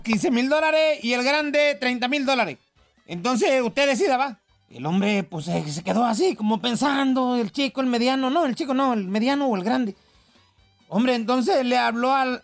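A man with a Salvadoran accent telling jokes on a radio show, acting out the characters' voices as he goes. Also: very high voice. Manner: animated storyteller, acts out voices of characters. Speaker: joke teller on radio show.

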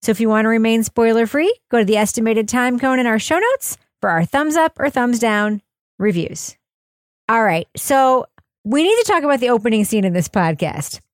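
A woman's voice: a little high, normal speed, dry recording. Chatty woman podcast host, dry sound. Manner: chatty, animated, giggly. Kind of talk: casual podcast chat and read promo.

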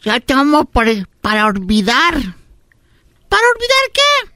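A man voicing a little boy and a tipsy grandmother in a joke, in a shrill falsetto. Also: huge pitch swings, measured pace, bright, forceful tone, no room sound, studio quality, full character voice. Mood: joking.

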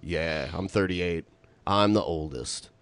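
A man's voice: deep voice, slow, a bit bright, no echo. A man in his late thirties hosting a casual podcast chat, laid-back and crude, often laughing. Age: 30s. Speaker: podcast host.

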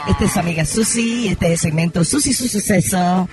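A man voicing a brassy, gossipy radio hostess who talks high and theatrical, throwing out exclamations between stories. Music plays clearly behind her. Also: brisk, lightly acted. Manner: chatty, theatrical, exclaims often. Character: brassy gossiping woman advice-segment hostess. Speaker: advice segment host character. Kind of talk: comedy radio sketch.

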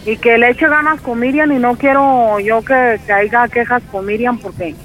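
A woman's voice: a little high, steady tone, moderate pace, a bit bright, poor audio. A middle-aged woman on the phone, worried and reproachful, crying about her daughter. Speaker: prank call victim, mother. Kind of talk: phone call.

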